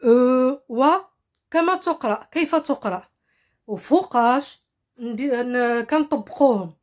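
A woman with a Moroccan accent teaching a French lesson, explaining quickly in Arabic and reading French examples slowly and deliberately. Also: sits high. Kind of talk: language lesson.

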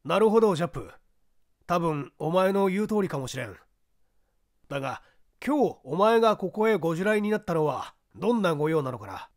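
Woman doing a calm, kindly gentleman. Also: fairly low pitch, no echo, clean studio sound, pitched below the performer's own voice. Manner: measured, gently inquiring.

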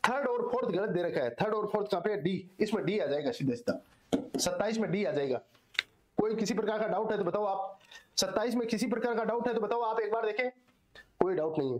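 A hoarse man teaching an exam-solution lecture, repeating answers and asking and answering his own questions. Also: high-pitched. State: hoarse, strained throat. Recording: echoey room.

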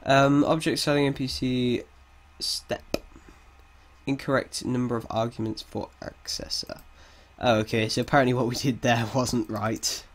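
Slightly croaky from a cold, this male game dev tutor speaks in a mid-range voice with little pitch movement. It's a casual screen-recorded coding lesson where he thinks aloud while typing, hesitates often, and laughs softly at his slip-ups over the sound of a keyboard.

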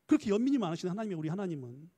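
A man giving a lively church lecture on counseling, coaxing the audience to read aloud and answer, switching between polite and casual speech. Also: high voice, breathy edge, in a large hall. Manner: mixes polite and casual speech, quick asides. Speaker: professor leading a church training lecture.

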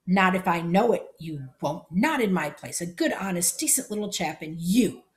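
A woman voicing a burly, angry shopkeeper who shouts and blusters. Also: on the low side, animated, normal speed, natural voice. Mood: furious.

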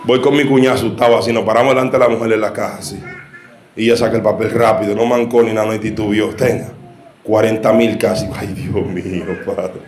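A male preacher giving a sermon with a personal testimony, shifting between hushed storytelling and fervent shouting. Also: lowish voice, flat delivery, fast talker, a little hiss or hum. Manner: fervent, rising to shouting exhortation. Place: church hall with congregation. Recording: echoey church hall with congregation.

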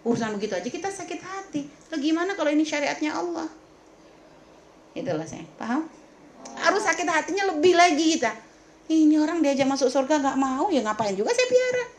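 A woman's voice: high-pitched, lively intonation, brisk, a little hiss or hum. A woman religious teacher giving a lecture in a question-and-answer session, emphatic and scolding, full of rhetorical questions and speaking familiarly to her listeners.

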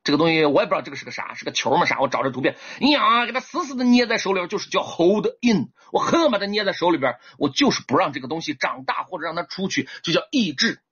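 Animated male English teacher, lo-fi stream. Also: fast talker, few pauses, slightly rough. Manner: animated, asks viewers to type one; lively with sudden high exclamations. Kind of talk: livestream lesson. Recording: dull lo-fi stream audio.

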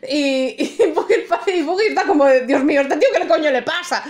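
A woman's voice: sits high, brisk, a little mellow. A woman from Spain with a Spain Spanish accent co-hosting a podcast, chatting casually, joking, swearing freely and acting out scenes. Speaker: podcast co-host. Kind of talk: casual chat.

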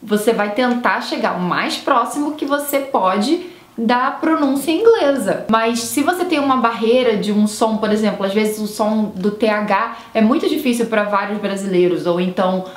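A young Brazilian woman with a Brazilian Portuguese accent explains things in a relaxed, reassuring way, often tagging questions onto the end of her sentences. Her voice sits a little high. It rings with the echo of a roomy space. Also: moderate pace. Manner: chatty, reassuring, with tag questions. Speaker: English teacher and video host. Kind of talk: casual video lesson.

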